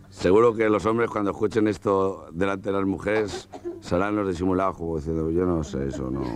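A man's voice: fairly low pitch, noisy background. A man from Spain telling jokes as a comedian in a chatty, laughing storytelling manner. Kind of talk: joke telling, stand-up.

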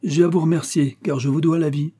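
Un homme lisant un major de l'armée, formel et reconnaissant. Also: male voice, a little high, fairly even intonation, a little fast, dark tone, breathy edge, voice pushed up. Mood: grateful. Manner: formal, courteous. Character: grateful army major, older man, commanding.

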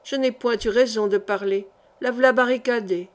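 A woman's voice: a little high, fairly even intonation, moderate pace, lightly acted. A woman voicing a naive, touchy young male bread carrier who talks in clipped rustic country speech, in an audiobook. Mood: coaxing.

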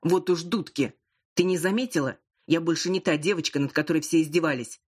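A woman reading an audiobook, voicing a teasing, sharp-tongued young woman friend. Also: deep voice, brisk, husky. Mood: bitter resentful. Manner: mocking, cheeky, then bitter. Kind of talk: audiobook character voice.

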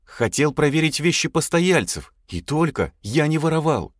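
Man putting on a scared young hotel worker, whiny, pleading, higher than his own voice, dry recording. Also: big pitch swings, normal speed, no room sound. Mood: whining. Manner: pleading, whimpering.

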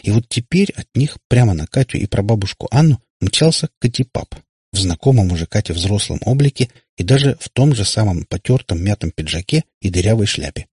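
Casting: male storyteller, low, husky voice, dry close sound. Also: expressive, fairly quick, darkish tone, no echo. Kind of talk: audiobook narration.

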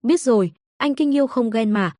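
A woman's voice: fairly high pitch, moderate pace, dark tone, no echo, clean studio sound, close to an everyday voice. A woman voicing a clever young heroine who gives orders and teases her husband. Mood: teasing. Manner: teasing, decisive.

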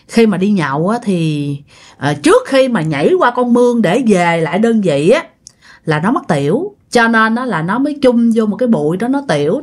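A woman telling a ghost story casually, chatting directly to her listeners. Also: medium pitch.

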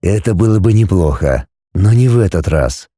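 A domineering dragon lord, as a male reader voices him in a storybook, speaking in curt, commanding lines. His tone is dark and mellow, and his pitch moves freely. The sound is dry and close. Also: lively intonation, moderate pace, no echo.

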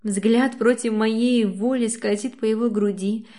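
A woman's voice: fairly high pitch, steady tone, unhurried, mellow. A woman reading a first-person novel aloud in an intimate, emotional way. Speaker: audiobook reader. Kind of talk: first-person audiobook narration.

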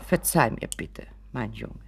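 Give me an anxious doting mother in a radio drama, pleading and fretful, with a lively, rising and falling pitch. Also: measured pace, gravelly, slightly rough, exaggerated voice. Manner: pleading, fretful, often drops to a whisper. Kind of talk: radio play acting.

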